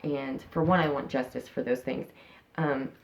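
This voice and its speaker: Her very deep voice stays fairly even at a moderate pace as this woman in her thirties, an interviewee and channel host, talks frankly in a casual interview. She rambles, filling her speech with fillers and restarts.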